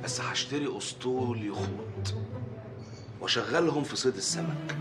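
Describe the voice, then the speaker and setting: A man's voice: medium pitch, moderate pace, music in the background, lightly acted. An actor playing a boastful man who mocks a friend with scorn, in Egyptian Arabic. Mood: scornful. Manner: scornful, bragging. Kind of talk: film acting.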